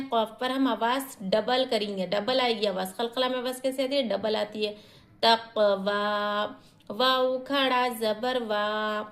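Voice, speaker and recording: A woman teaching Quran reading step by step, quickly explaining rules and then sounding out syllables slowly, asking questions and answering them herself. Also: fairly high pitch. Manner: alternates quick rule explanations with slow drawn-out syllable reading. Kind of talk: step-by-step recitation lesson.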